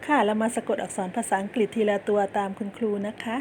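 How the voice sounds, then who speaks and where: A woman teaching kindergarten children in an online lesson. She coaxes them patiently and spells words out slowly, one letter at a time. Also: mid-range voice, poor audio. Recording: steady background noise.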